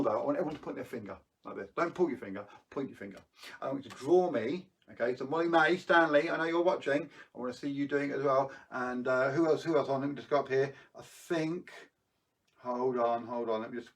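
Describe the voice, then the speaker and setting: Chatty man, playful kids party magician. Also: a little high. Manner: chatty and playful, coaxing the audience to join in. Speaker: magician hosting a live online show. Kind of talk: kids party magician patter, presenting tricks to viewers at home.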